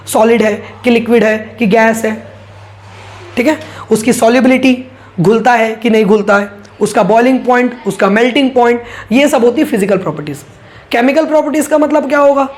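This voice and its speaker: A man teaching a chemistry class in a casual lecture style, asking rhetorical questions, answering them himself and repeating key points. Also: very high voice.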